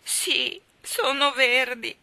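A woman's voice: mid-range voice, normal speed, creaky, bright, forceful tone, dry recording, pitched above the performer's own voice. A woman reading a storybook and voicing a young red-haired orphan girl who talks with theatrical despair. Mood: wailing.

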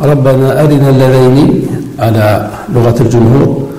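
A man's voice: medium pitch, fairly even intonation, normal speed, dark tone. A male scholar teaching classical grammar, explaining verse by verse and asking the class questions. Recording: echoey hall with long reverb.

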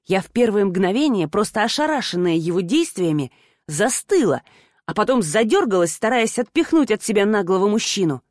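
A woman reading a first-person novel aloud, steady and even, as an audiobook narrator. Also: medium pitch, moderate pace, no echo, clean studio sound.

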